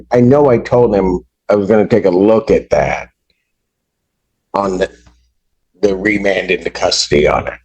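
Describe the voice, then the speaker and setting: A man serving as a judge, speaking from the bench in a courtroom recording, halting and restarting his sentences as he grows exasperated. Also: low-pitched, darkish tone, low-quality recording.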